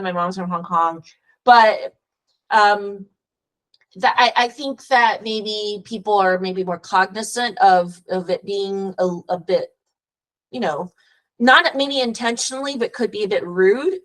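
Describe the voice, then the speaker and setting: A woman's voice: medium pitch, unhurried, fairly bright tone, poor audio. A woman with a Texan accent, speaking as an immigration lawyer guest in an earnest interview over a video call, with frequent fillers and restarts. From Texas, US. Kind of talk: casual interview talk.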